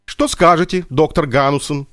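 A man's voice: a little high, normal speed, a bit bright, clear, resonant tone, soft background music, voice pushed up, natural voice. A man playing an alarmed, pressing impresario. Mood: urgent. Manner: urgent, pressing. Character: agitated male impresario.

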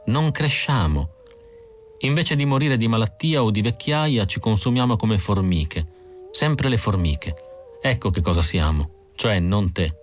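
A man's voice: on the low side, expressive, a little slow, soft background music. A man voicing a cool, weary young female android in an audiobook, with a raised, lighter voice. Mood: weary, bitter. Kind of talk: audiobook character reading.

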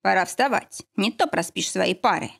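A woman's voice: medium pitch, animated, moderate pace, creaky, fairly bright tone. A woman reading the lines of a cheerful, teasing young husband in an audiobook, in a playful, matter-of-fact way.

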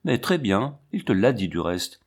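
A man's voice: fairly low pitch, big pitch swings, normal speed. A man reading the part of a sly, teasing young man.

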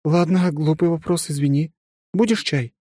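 A man voicing a nervous, polite young woman in a hesitant, gentle way. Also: on the high side, normal speed, pitched above the performer's own voice, close to an everyday voice.

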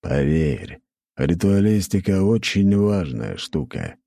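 A man reading a calm schoolboy friend who soothes and encourages, in an audiobook. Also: low-pitched, slow, gravelly, no room sound, clean studio sound, full character voice. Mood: reassuring.

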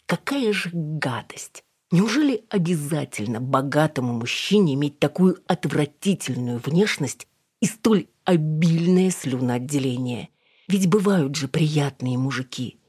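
Low, husky woman narrator, even audiobook reading, dry close sound. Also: no echo. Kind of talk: scripted narration.

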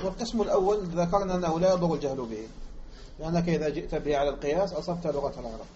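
A man from Algeria teaching Arabic morphology as a lecture, repeating example words slowly and quizzing his listeners. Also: on the high side, expressive, mellow, a little hiss or hum. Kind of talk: classroom lecture explaining grammar. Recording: muffled lo-fi recording.

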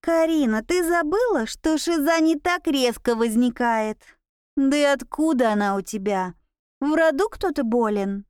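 A woman voicing a small male bat familiar who talks in a high, slow, drawn-out, lecturing way, as in a read-aloud storybook. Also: animated, a little mellow, no room sound, clean studio sound.

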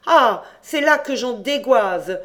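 A man reading aloud and voicing a panicky, boastful young man who talks fast and excitedly in an audiobook. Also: very high-pitched, voice pushed up. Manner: rapid, agitated, shouting.

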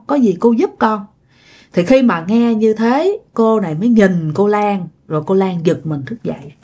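Lady telling a ghost story, chatty, talks right to you, lively up and down voice. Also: medium pitch. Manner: conversational, addresses listeners directly.

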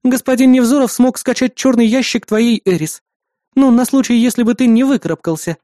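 A man's voice: extremely high pitch, brisk, mellow, dry recording, studio quality, pitched above the performer's own voice. A man voicing a bossy, jealous young woman in an audiobook, scolding and bickering. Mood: teasing. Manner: indignant, bickering. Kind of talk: audiobook character voice.

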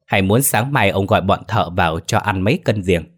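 A man's voice: low-pitched, animated, fairly quick. A man voicing a grumpy old village man who curses and scolds, in an audio ghost story. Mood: angry scolding. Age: older. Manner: gruff, cursing.

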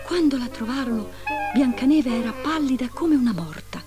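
A woman reading a fairy tale aloud in an expressive, dramatic storybook style. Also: sits high, normal speed, over music.

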